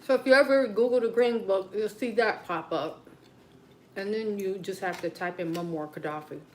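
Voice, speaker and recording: A woman's voice: medium pitch, moderate pace, slight background noise, rough recording. A woman with a Southern American accent hosting a late-night mukbang livestream from home, chatting casually and rambling to her viewers as besties. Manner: rambling, talks to viewers as besties, drops into quiet asides.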